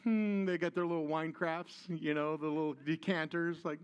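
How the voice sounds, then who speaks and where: An older man preaching a sermon, telling a family story with animated voiced asides. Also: fairly high pitch, normal speed, clear, resonant tone. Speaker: pastor.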